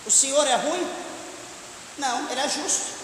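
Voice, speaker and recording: A man preaching a sermon as pastor, impassioned and often shouting. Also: very high voice, normal speed. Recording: echoey church hall with hiss.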